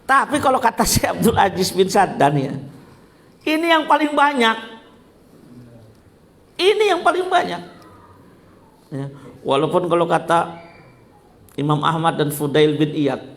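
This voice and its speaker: A middle-aged man giving a lively, joking sermon to a study gathering, often asking the audience questions. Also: high-pitched, measured pace, long pauses. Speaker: ustadz giving a religious talk.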